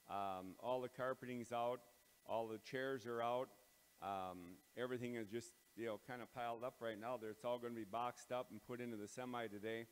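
A man leading morning devotions as pastor, speaking in a plain, halting way with many ums and uhs, his voice ringing with big hall echo in a large empty auditorium. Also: medium pitch. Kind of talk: casual devotional talk and prayer. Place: large empty auditorium under renovation, bare floors.

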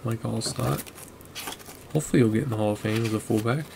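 With a fairly low, gravelly voice and a quick pace, a card collector vlogger mutters names as he flips through cards at his home desk. It's casual, chatty narration while sorting, captured on a noisy recording.

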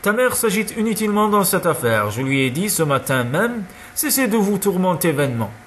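A man's voice: high-pitched, sing-song, brisk, fairly bright tone, slight background noise. A man reading as a jovial, stout elderly father who lectures in an easygoing, dismissive way. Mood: breezy lecturing.

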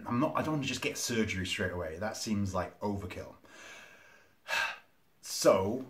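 A man talking casually to camera in a vlog, rambling and candid with plenty of ums. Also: fairly low pitch. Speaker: vlogger.

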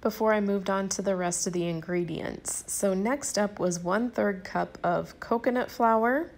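Speaking at a moderate pace in a medium-pitched voice, a Southern US woman narrates her cooking vlog in a casual, cheerful way. She chats directly with her audience, addressing them as "you guys."

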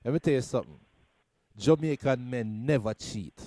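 A man hosting a radio interview, speaking in a relaxed, unhurried way. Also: medium pitch, no room sound. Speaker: radio host.

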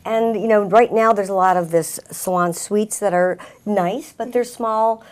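On a small indoor TV talk-show set, a middle-aged woman who owns a salon chats as an interview guest. She speaks conversationally in a mid-range voice at a measured pace.

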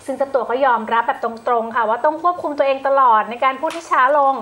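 A woman hosting entertainment news, chatty and fast-spoken. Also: high-pitched, a bit bright. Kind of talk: news presenting and light banter.

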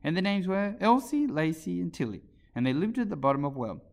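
Sleepy storybook dormouse, tiny and sulky, very high feeble voice. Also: male voice, sing-song, fast, darkish tone, heavily acted. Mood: drowsy storytelling. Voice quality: hoarse, feeble. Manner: drowsy, sulky. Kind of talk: storybook character reading.

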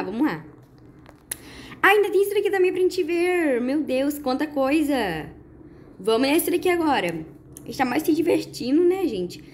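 A woman with a Brazilian Portuguese accent giving chatty, excited gameplay commentary to her viewers. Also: sits high. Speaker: gaming YouTuber.

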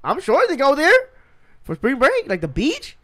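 A man's voice: very high-pitched, huge pitch swings, normal speed, a bit bright. A man co-hosting a podcast, teasing and joking in casual banter, laughing often. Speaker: podcast co-host.

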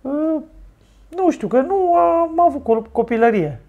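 A woman's voice: high-pitched, sing-song, phone-quality sound. An older woman from Romania, the host's mother, chatting casually in a blunt, joking, self-deprecating way. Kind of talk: casual chat.

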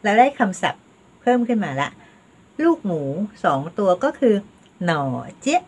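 An older woman teaching a language lesson, patiently leading slow counting drills. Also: mid-range voice, big pitch swings, a little hiss or hum. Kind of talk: home video language lesson.

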